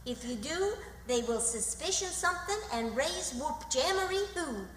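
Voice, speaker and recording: Woman acting a high, breathless, excitable Southern aunt. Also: moderate pace. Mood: dramatic reading. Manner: breathless, dramatic. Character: excitable, bossy, fretful country aunt. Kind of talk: radio theatre acting. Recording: echoey hall, faint noise.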